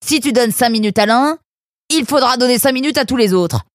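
A man voicing a stout, bossy female fox nursemaid in a storybook reading, loud and harsh as she scolds. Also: very high-pitched, big pitch swings, a little fast, no echo, studio quality, voice pushed up. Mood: scolding.

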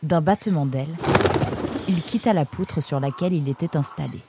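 A woman narrating a children's story in a measured, expressive way. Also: low-pitched, very noisy.

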